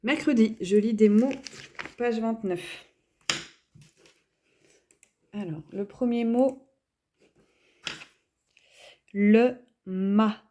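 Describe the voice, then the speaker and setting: A woman's voice: fairly high pitch, mellow. A woman teacher reading homework aloud, sounding out syllables one by one and patiently explaining simple words for young children. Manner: slow, deliberate syllable-by-syllable reading. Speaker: schoolteacher. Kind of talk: homework reading and dictation lesson.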